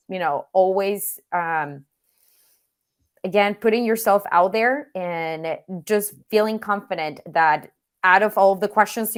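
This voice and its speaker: Answering questions in a virtual interview, a woman from Mexico speaks English with the accent of her native Spanish. Her pitch is fairly low, and she comes across as thoughtful and sincere, frequently filling pauses with "you know."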